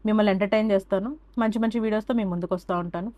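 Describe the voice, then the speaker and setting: Fast, emphatic woman vlogger. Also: mid-range voice, steady tone, warm tone, dry recording. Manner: emphatic, scolding, repeats key words; mixes English words into Telugu. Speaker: YouTube vlogger. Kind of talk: opinion vlog monologue.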